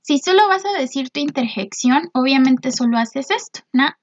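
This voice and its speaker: A woman teacher with a high voice walks through a video lesson in a patient, explanatory way. She keeps checking in with her students and fills her pauses with little hesitations. The recording sounds dull and lo-fi. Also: expressive. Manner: frequent "este" fillers.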